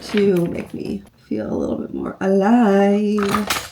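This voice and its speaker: A woman's voice: medium pitch, very animated, slow pace, gravelly, noisy background. Chatty young woman, stuffed-up nose. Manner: chatty, rambling, many "like" fillers. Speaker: lifestyle vlogger. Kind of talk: casual vlog chat. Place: bedroom at home, indoors.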